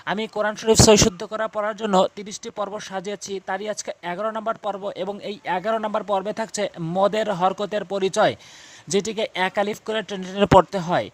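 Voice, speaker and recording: Male Quran teacher, Bangladeshi Bengali accent, high voice, patient syllable drills. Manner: drills syllables slowly and repeatedly. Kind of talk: spoken lesson on Quranic reading.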